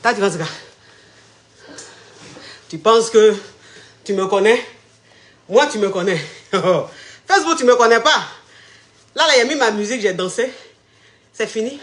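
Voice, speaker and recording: A woman's voice: fairly high pitch, animated, a little slow, long pauses. A woman hosting a call-in live stream, theatrical with sing-song hype announcements. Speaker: call-in show host. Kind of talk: animated live-stream chat. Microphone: phone or webcam on a live stream. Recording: roomy echo.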